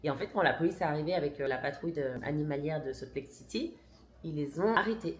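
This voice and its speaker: A woman's voice: low-pitched, fast talker. A mother vlogging to camera, telling a story emphatically and indignantly, with restarts and blunt words. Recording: roomy echo.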